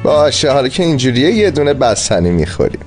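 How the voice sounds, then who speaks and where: A man dubbing a lively, exasperated young man in a drama. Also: medium pitch, faint music behind, close to an everyday voice. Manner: animated, exasperated. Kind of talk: dubbed drama dialogue.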